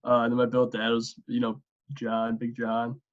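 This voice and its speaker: A man's voice: mid-range voice, monotone, normal speed. A young man chatting casually as a podcast guest, laid-back and full of fillers. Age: young adult. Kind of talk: casual chat. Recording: dull lo-fi audio.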